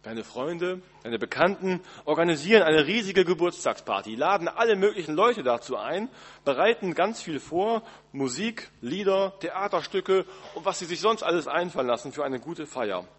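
A male pastor gives a Christmas Eve sermon in a gentle, conversational way, speaking straight to his listeners. His voice is a little breathy and husky. The sound carries a long reverb from the church around him. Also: fairly high pitch, animated, moderate pace. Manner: gentle, conversational preaching with direct address.

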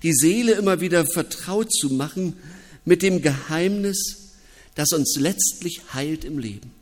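Slow-speaking pastor in a reverberant church. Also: male voice, fairly high pitch, lively intonation. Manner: reflective, personal, with pauses. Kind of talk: sermon.

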